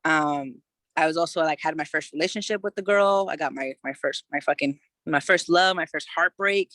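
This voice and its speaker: This low-pitched, somewhat bright voice belongs to a Californian woman in her thirties, speaking at a moderate pace on a dry recording. As a podcast guest, she tells her personal story frankly and conversationally, peppering it with "you know" and offhand profanity.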